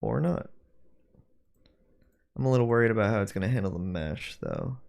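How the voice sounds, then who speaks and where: A man with a fairly low, slightly mellow, creaky voice talks in an animated way at a moderate pace. He's livestreaming while doing 3D design work, chatting casually and rambling as he thinks aloud and corrects himself.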